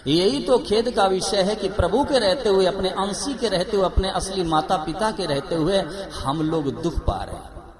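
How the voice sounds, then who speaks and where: A man giving a devotional sermon with a story at a live gathering, emphatic and repeating his key phrases. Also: high-pitched. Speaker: religious storyteller. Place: live gathering before an audience. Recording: live recording with crowd audible.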